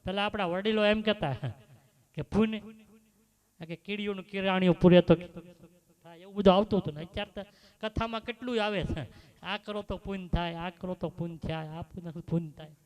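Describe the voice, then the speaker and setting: Lively man telling stories. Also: high-pitched, moderate pace, clean tone. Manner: lively storytelling with rhetorical questions. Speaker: bhajan singer and storyteller. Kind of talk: devotional sermon with anecdote.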